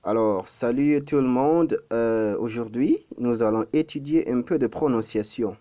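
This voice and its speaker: A man's voice: medium pitch, a little slow, warm tone, muffled recording. A man teaching pronunciation in a patient lesson, repeating each word several times and correcting himself as he goes. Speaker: language teacher.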